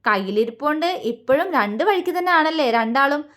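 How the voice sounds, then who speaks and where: A woman doing a teasing old granddad in a storybook, high voice, playful. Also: expressive, a little fast, a bit bright.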